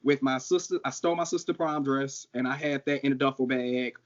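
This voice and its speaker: A man in his thirties from St. Louis, Missouri, a drag performer telling his story in a casual interview, animated and quick to laugh. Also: medium pitch. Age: 30s. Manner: animated, laughs often, acts out quoted voices. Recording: dull lo-fi audio.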